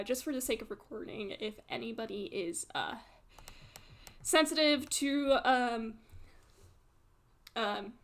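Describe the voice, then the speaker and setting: Woman game master making up scenes as she goes, kinda high voice, lots of hesitating. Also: fairly bright tone. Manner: hesitant, halting delivery. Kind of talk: improvised tabletop game narration.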